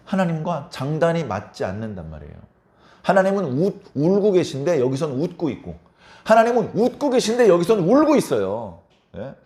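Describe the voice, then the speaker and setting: Middle-aged male pastor, emphatic preacher with a raised voice and a lively, swooping delivery that keeps prodding the flock with questions. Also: fairly high pitch, normal speed. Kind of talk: sermon.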